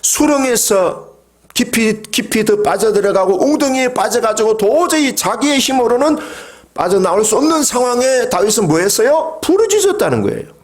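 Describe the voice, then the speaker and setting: A middle-aged male pastor delivers a Sunday sermon in a fairly high voice that leaps up and down. He talks calmly at times and then rises to loud, impassioned cries. He has the congregation repeat phrases after him. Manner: swings from calm talk to loud impassioned cries; leads the congregation in call-and-response.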